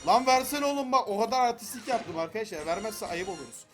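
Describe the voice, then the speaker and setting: A young man giving excited gameplay commentary, frustrated and pleading with the game as he opens loot boxes. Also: sits high, fast, soft background music. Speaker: gaming YouTuber.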